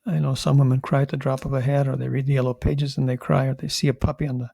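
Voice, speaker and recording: An older man, a priest, giving a conversational homily with halting restarts and wry asides. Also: mid-range voice, level tone, vocal fry, mellow, dry recording. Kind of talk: homily reflection.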